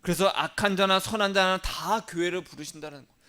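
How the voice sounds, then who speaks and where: A male pastor delivers a sermon in a voice pitched a little above the usual for a man. He teaches by asking questions and answering them himself, and he has the listeners repeat short lines after him. His delivery moves between stressed, louder phrases and quiet asides. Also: fairly quick, clean tone, soft background music. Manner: swings between loud stressed phrases and soft low asides.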